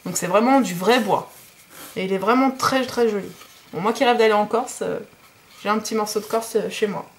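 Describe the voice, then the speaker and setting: A woman's voice: medium pitch, brisk, slight background noise. A woman in her thirties from France, chatting casually in a DIY unboxing vlog, hesitant with many fillers. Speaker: DIY vlogger.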